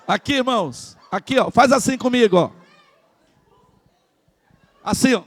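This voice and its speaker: A male pastor with a Brazilian Portuguese accent preaches an animated sermon at a church service. He calls out to the congregation in a high, gravelly voice. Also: unhurried. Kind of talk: lively sermon.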